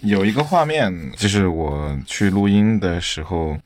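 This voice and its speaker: A man's voice: lowish voice, very animated, a little slow. A man who is a podcast producer, telling a story in a thoughtful, descriptive way and slipping in an English word now and then. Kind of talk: reflective storytelling in conversation.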